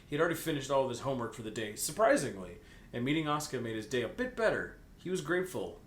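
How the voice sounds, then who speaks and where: A co-host reads fan fiction aloud in a comedic, casual way, his mid-range voice sing-song and racing. He keeps breaking off for joking, mocking asides. The room is echoey, with faint background noise.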